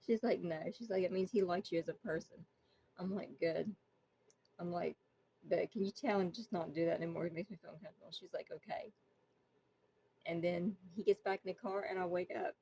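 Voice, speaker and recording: A woman's voice: on the low side, dark tone, slight background noise, poor audio. A woman telling a casual storytime, rambling and acting out the quoted dialogue. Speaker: vlogger. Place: indoors, just woken up.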